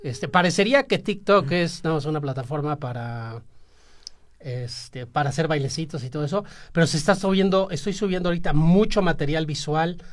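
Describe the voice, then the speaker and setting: Rambling musician guest. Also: male voice, a little high, fairly quick. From Peru, raised in Mexico. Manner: rambling, many fillers. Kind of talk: radio interview.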